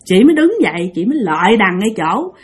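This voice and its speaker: A woman's voice: medium pitch, big pitch swings, brisk, slightly rough. A woman telling a ghost story, chatty and emphatic, and talking straight to her listeners. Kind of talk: ghost story narration to an audience.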